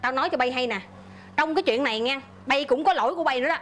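A woman's voice: high-pitched, very fast, a bit bright, slight background noise. An actress playing a middle-aged village neighbor with a Southern Vietnamese accent, motherly and lecturing. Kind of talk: rural comedy film acting.

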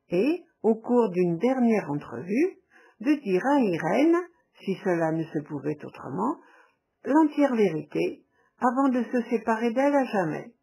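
Woman reading a novel aloud, slow even pace, kinda husky. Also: a little high, low-quality recording. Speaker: audiobook reader. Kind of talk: audiobook narration of a novel.

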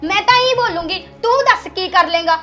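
A woman's voice: extremely high pitch, quick pace, sharp tone, soft background music. A woman playing a jealous young wife who taunts and accuses her husband and sister-in-law. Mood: accusing. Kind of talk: short film acting.

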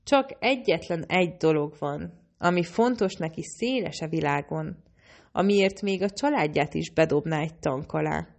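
A wisecracking young hacker guy with a joking manner, read by a woman. His voice is very low with a gravelly creak. It is an audiobook reading. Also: a little mellow. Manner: joking, talks with mouth full.

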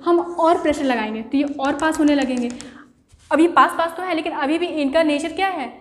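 A woman's voice: high-pitched, fairly quick. A woman teacher giving a classroom science lesson, explaining with everyday examples and asking rhetorical questions. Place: room. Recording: echoey room with long reverb.

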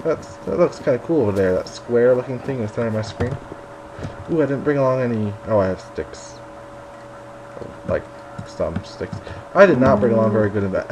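A man's voice: lowish voice, background noise. Chatty rambling man playing a game. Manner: chatty, rambling and self-mocking. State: a little tired late at night. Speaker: gaming video host. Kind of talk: casual game commentary.

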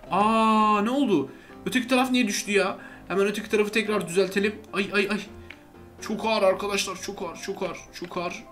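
Gaming commentator, man, high voice, excitable and chatty, faint game music under him. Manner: chatty, groans and shouts when falling, addresses viewers as friends. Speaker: gaming YouTuber. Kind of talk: excited let's-play commentary.

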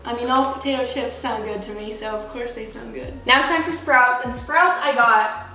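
A twenty-year-old woman vlogger chats casually about her grocery haul in her home kitchen, using lots of "like" fillers. Her voice is a little high and sharp, at a moderate pace, with faint music behind her. A camera a few feet away captures her, so the kitchen sounds echoey and the mic distant.

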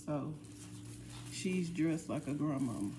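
A woman's voice: deep voice, expressive, slow pace, noisy background. A tired woman chatting casually while she cooks and cleans in her home kitchen. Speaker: family vlogger. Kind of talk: casual chat.

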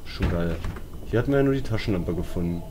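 Deep-voiced, fast, and expressive, a let's play streamer mutters slangy, casual remarks to himself while playing a horror game. Noisy, eerie game music and sounds play behind his voice.

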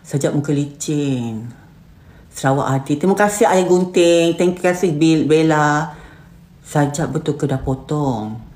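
A woman's voice: low voice, unhurried, a little mellow. Blunt Malaysian woman on a live stream. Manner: blunt and heated, mixing in English words. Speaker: influencer hosting a live stream. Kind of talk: live stream chat reading viewer comments. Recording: roomy echoey room.

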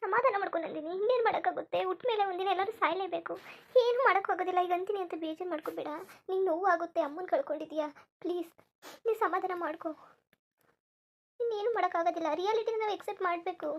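A gentle cartoon friend, played by a woman who hushes a crying woman in a soft, quick murmur. The voice sits very high and squeaky. She sounds quiet and steady. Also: muffled recording. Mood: soothing. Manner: soft, hurried, soothing reassurance. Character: calm woman consoling a grieving friend.

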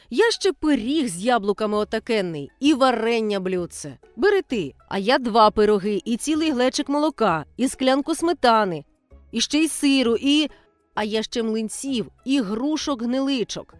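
A woman's voice: on the high side, animated, moderate pace, no echo, soft background music, natural voice. A woman voicing an insistent hungry village boy. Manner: insistent, bargaining. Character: hungry village boy arguing over food.

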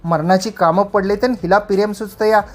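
A woman's voice: mid-range voice, steady tone, normal speed, lightly acted. A woman voicing an enraged village mother. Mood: furious scolding. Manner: abusive rustic shouting. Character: furious scolding village mother.

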